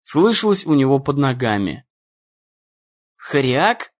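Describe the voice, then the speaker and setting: A man narrating an adventure audiobook in an expressive storytelling reading. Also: fairly high pitch, a little slow, highs cut off.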